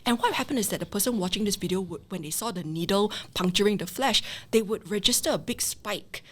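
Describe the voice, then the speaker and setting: A woman with a Singaporean English accent, a leadership expert guest on a podcast, explaining with lively acted-out quotes. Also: medium pitch, a little fast. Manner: animated, acts out quoted people. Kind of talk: podcast interview.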